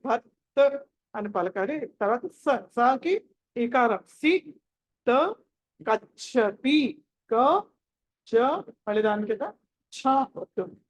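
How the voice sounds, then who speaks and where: A woman's voice: fairly high pitch, lo-fi sound. A woman teaching chant recitation, patiently spelling out syllables one by one and repeating words for her students to copy. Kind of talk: chanting pronunciation lesson.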